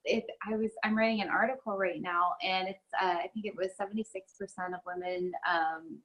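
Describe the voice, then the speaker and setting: A woman's voice: mid-range voice, steady tone, a little fast, a bit bright, rough recording. A woman guest in a casual interview, chatting with frequent ums and uhs. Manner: talks with many ums and uhs.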